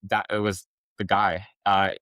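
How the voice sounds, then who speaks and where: A man's voice: sits low, flat delivery, a little slow, bright, forceful tone, no echo. A man speaking as a podcast guest, telling a personal story frankly in a rambling way, with many restarts. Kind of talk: personal testimony in an interview.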